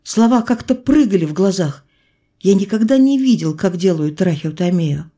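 A woman narrating a literary story in a measured, even manner. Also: medium pitch. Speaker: audiobook reader.

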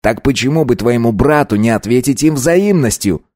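A man reading an audiobook, voicing a calm, sardonic young man in his own voice. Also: mid-range voice, normal speed, no echo, voice pushed up, natural voice. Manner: calm, dry. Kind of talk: audiobook character voice.

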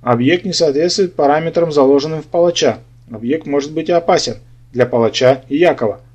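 A man doing a flat, businesslike robot executioner. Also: fairly high pitch, a little fast, lightly acted. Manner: flat, businesslike, speaks of itself in third person. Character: emotionless male executioner robot. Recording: dull lo-fi audiobook recording.

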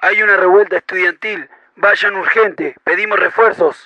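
A man's voice: high voice, fairly even intonation, normal speed, sharp tone, no echo. A man playing a police dispatcher, heard through a police radio transmission in clipped radio procedure talk. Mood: urgent. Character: adult male police dispatcher, brisk. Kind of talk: radio drama acting.

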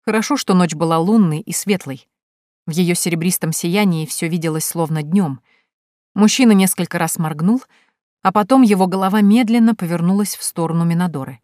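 A woman narrating an audiobook in a measured, even manner. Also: lowish voice, no room sound, clean studio sound. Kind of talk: scripted narration.

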